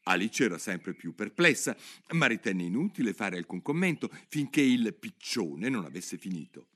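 A man narrating a children's storybook aloud with expressive, animated delivery. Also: fairly low pitch, moderate pace.

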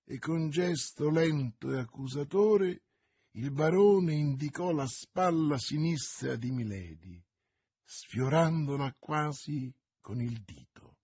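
A man reading a classic novel aloud as an audiobook, measured and theatrical. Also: a little high, dark tone, slightly rough, no echo. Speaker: audiobook narrator.

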